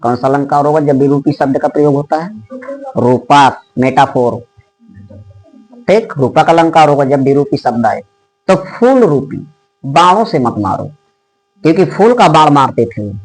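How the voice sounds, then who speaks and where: High-voiced man teaching Hindi poetry. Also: animated, poor audio. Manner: explains line by line, asks students questions, says "ठीक" often; chants the poem lines slowly and loudly in a sing-song. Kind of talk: exam-prep poetry lesson.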